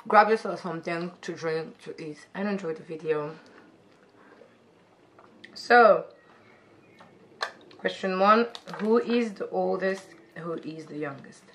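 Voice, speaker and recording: A woman's voice: fairly low pitch, slow pace, pauses often. A woman in her twenties hosting a casual sister tag chat on her channel, playful and teasing. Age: 20s. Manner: playful, teasing, dips into quiet whispers. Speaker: YouTube host. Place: living room couch indoors.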